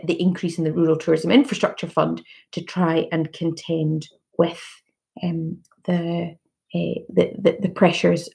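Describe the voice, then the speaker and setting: Scottish woman politician on a home webcam, gravelly low voice, careful and halting with many fillers. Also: darkish tone. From Scotland. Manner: measured, many fillers and restarts. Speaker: politician answering constituent questions. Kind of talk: virtual town hall Q&A. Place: living room at home. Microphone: laptop webcam on a video call.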